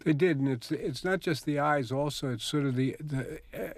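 A man's voice: fairly high pitch, normal speed, no room sound. A man, an actor, giving casual commentary on his film in a conversational way full of small asides.

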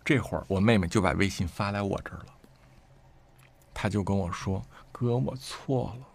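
Male storyteller, low voice, lively and emphatic, plays out the dialogue himself. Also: brisk. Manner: animated, acts out quoted speech with sharp rises. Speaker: storyteller guest. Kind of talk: casual conversational storytelling.

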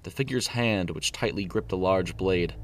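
A man narrating a story in a steady, even voice. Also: low-pitched, normal speed.

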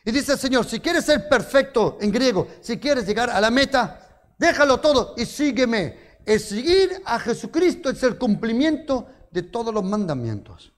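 A male preacher with a strikingly high voice delivers a sermon, telling stories and throwing questions at his listeners. He keeps a light, humorous touch as he preaches. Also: sing-song, a little slow. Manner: storytelling with rhetorical questions and humor.

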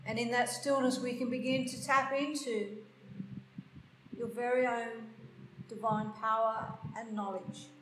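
Woman, meditation guide, soft hushed delivery, higher pitch, slow with long pauses, echoing room. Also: steady tone, background noise. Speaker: podcast host and meditation guide. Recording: roomy, echoing sound with faint music.

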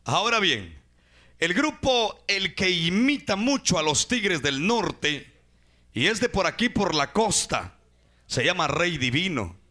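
A man preaching with a high, bright and forceful voice. He exhorts his listeners emphatically, calling them brethren. A little music plays faintly behind him. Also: sing-song, slow. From Guatemala. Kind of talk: sermon commenting on videos.

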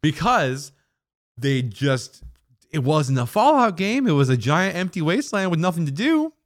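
This podcast co-host talks casually about games, his voice rising and falling sharply as his thoughts leap around. Cursing comes easily to him, and he's animated, dropping fast side remarks and performing quotes in passing.

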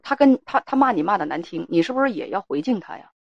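A woman's voice: medium pitch, very animated, fast talker, gravelly, no room sound, highs cut off. A woman hosting a call-in advice show, asking probing questions and lecturing the caller. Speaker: radio advice show host.

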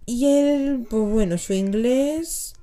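A woman's voice: a little high, slow, warm tone, soft background music. A young woman with a Spain Spanish accent, hosting a casual solo podcast and chatting and giggling while she reacts to clips. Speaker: podcast host.

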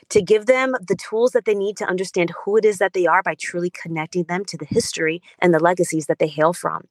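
A woman's voice: on the low side, no echo. A young adult woman, an author, answering podcast interview questions with earnest, flowing enthusiasm. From Germany. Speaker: children's book author, guest.

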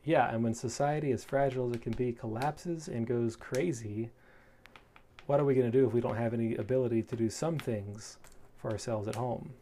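A married man, hosting his own talk, who reads passages from a text in a steady tone and breaks off into conversational asides that turn loud and animated, with fillers and short laughs. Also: medium pitch, brisk, a little hiss or hum. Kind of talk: reading a text aloud and commenting.

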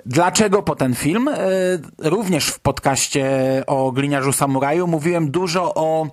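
A man's voice: a little high, normal speed. A man in his late thirties from Poland, talking casually and conversationally as a solo podcast host. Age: late 30s. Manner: conversational, reminiscing.

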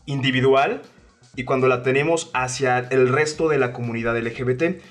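A man co-hosts a casual podcast conversation. He explains social ideas in a thoughtful, measured way, using a middle pitch. Faint music plays behind him. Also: fairly even intonation. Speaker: co-host.

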